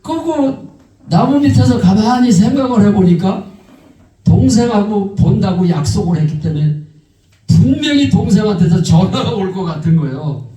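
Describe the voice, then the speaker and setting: Man, pastor, sermon storytelling, mellow high voice, echoey church hall. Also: normal speed, far from the mic. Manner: animated, acts out quoted voices. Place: church sanctuary.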